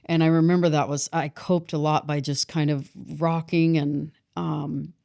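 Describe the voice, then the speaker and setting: A middle-aged woman, a podcast guest and author, telling a painful personal story in a halting way, often restarting and getting emotional. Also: deep voice, little pitch movement, gravelly, dark tone.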